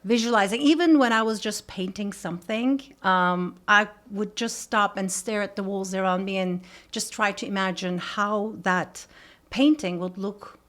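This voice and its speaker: A woman's voice: medium pitch, steady tone, moderate pace, a bit bright. A woman from Turkey, a guest artist in a casual interview, speaking hesitantly with many ums and uhs. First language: Turkish.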